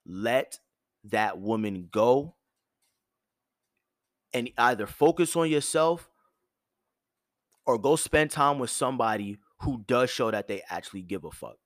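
A man hosting his own show, giving blunt, profane dating advice in a firm yet soft tone, with features. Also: medium pitch, dry recording, studio quality. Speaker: host. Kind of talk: direct advice monologue.

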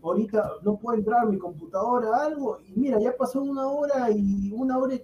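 High teasing man in an echoey room. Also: fairly quick, muffled recording, noisy background. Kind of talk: casual sports show banter.

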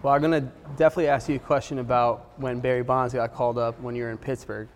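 A man's voice: medium pitch, flat delivery, fast, big-room sound, a little hiss or hum. A man hosting a podcast, eagerly asking his guest questions and repeating phrases. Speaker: podcast host. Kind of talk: interview questions.

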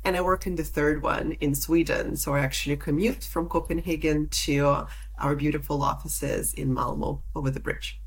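A woman from Lithuania with a low-pitched voice, speaking as a podcast guest. She explains her points in a measured, articulate way. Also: steady tone, slightly rough, rough recording. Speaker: podcast guest, data protection officer. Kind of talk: interview answers.

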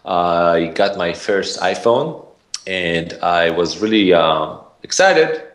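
An Israeli man with an Israeli accent and a low voice speaks slowly but with lively intonation as a guest on a podcast. A startup founder, he tells his story in casual interview talk, rambling with lots of fillers and restarts.

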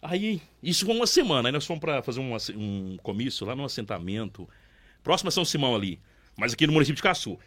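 A man's voice: mid-range voice, quick pace. A man, a sound-car ad announcer, telling stories in casual chat. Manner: lively, animated storyteller who acts out quotes.

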